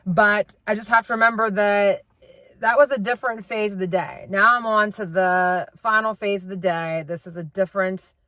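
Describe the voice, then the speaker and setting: A woman's voice: medium pitch, steady tone, moderate pace, a bit bright, dry recording. A woman talking casually as a running vlogger about her day. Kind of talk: casual vlog talk.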